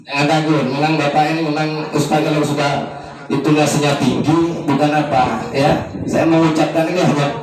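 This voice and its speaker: Ustaz, fairly high-pitched and lively, giving a sermon from a distance in a very echoey hall with faint music. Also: male voice, fairly quick. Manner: animated, rising and falling intonation, acting out parents and children. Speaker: ustaz giving advice at a birthday gathering. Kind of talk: informal sermon. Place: community hall at an Islamic boarding school. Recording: echoey room, mic at a distance, music behind.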